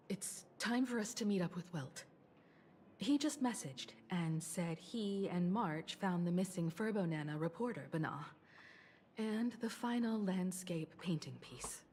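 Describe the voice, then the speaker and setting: A calm, warm-toned companion. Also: female voice, on the low side, a little hiss or hum. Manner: steady, reassuring, measured.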